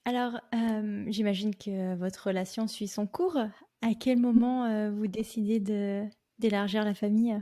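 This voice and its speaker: Mellow-voiced French podcast host. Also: female voice, medium pitch, fairly even intonation, unhurried. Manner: friendly, hesitant questions with fillers. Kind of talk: interviewing a guest.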